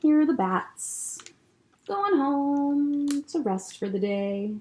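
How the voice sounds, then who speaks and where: A children's librarian reads a picture book aloud, slow and gentle, stopping to point out things in the pictures. Her fairly high voice is lively, swooping up and down with expression.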